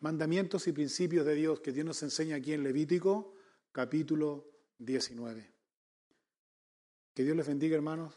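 Un pastor con acento chileno que predica un sermón, enumerando puntos y haciendo preguntas retóricas a la congregación. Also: male voice, a little high, normal speed, pauses often, mellow. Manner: emphatic, counts numbered points, asks the congregation rhetorical questions. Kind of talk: sermon.

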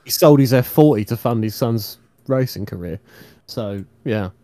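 Mellow-voiced man chatting. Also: mid-range voice, moderate pace, no room sound. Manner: chatty, hesitant with fillers. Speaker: podcast co-host. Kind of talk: casual chat.

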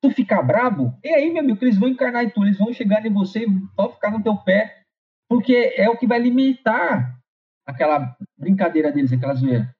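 Middle-aged paulista man, high voice, motivational speaker, casual repetitive delivery, lo-fi recording. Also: expressive, fast talker. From São Paulo, Brazil. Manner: conversational, repeats phrases and tags with "né". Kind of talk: motivational talk with personal anecdote. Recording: slightly dull lo-fi recording.

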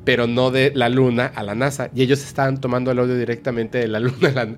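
A man's voice: mid-range voice, flat delivery, fast talker, slight background noise. A man, hosting a casual podcast and animatedly retelling a story, acting out the quotes. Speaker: podcast host.

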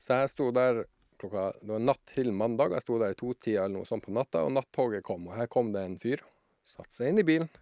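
A man telling a funny story as a podcast guest, acting out voices and shouting some lines. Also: mid-range voice, no echo, clean studio sound. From southern Norway. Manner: animated anecdote-teller, acts out voices and shouts. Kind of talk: casual storytelling.

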